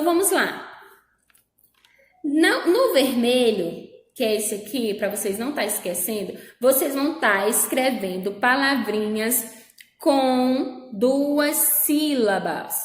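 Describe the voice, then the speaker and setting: A woman's voice: on the high side, lively intonation, a little slow. A woman with a Brazilian Portuguese accent, a primary school teacher patiently explaining a worksheet to young children, checking often that they follow. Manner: patient, repeats and checks with "certo?", uses diminutives. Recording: echoey room with long reverb.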